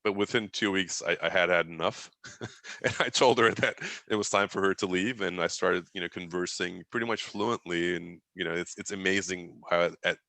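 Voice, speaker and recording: Speaking as a guest in a relaxed interview, this man in his forties from Turkey, whose first language is Turkish, meanders through his life with frequent restarts. He has a low, steady, creaky and sharp voice at a moderate pace, captured in a dry recording.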